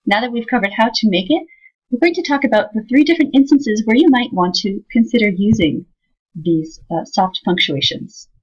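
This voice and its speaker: A woman teaching a software tutorial in a casual way, thinking aloud with fillers as she demonstrates. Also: a little high, expressive, moderate pace, slightly rough. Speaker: instructor. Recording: slightly dull lo-fi sound.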